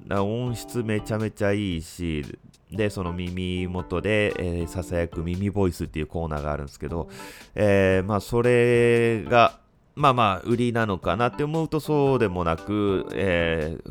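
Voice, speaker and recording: Low-pitched man with a stuffy nose. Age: 30s. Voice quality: stuffy, congested nasal voice. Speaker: podcast host. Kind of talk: casual solo chat with frequent pauses.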